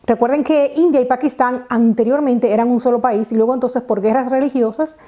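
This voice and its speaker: A Dominican vlogger in her thirties from the Dominican Republic tells stories casually in her living room at home, speaking Dominican Spanish on a lapel mic. Her voice is fairly high, mellow and brisk, and she chats animatedly with hand gestures, plenty of fillers and restarts.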